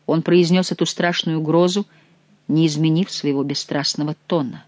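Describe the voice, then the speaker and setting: A man narrating a classic novel as an audiobook, in an even, measured reading. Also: on the high side, no room sound. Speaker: audiobook reader. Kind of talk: scripted literary narration.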